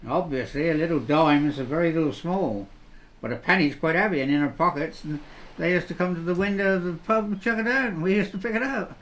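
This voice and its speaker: An older man, reminiscing in a documentary interview with halting restarts. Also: fairly high pitch, fairly bright tone, rough recording. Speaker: village resident. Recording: music playing underneath.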